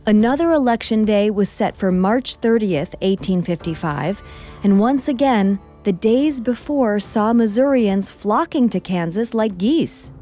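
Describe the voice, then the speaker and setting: A woman co-hosting a history podcast, reading a script in a measured way. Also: medium pitch, expressive, warm tone. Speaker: podcast co-host. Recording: faint music bed.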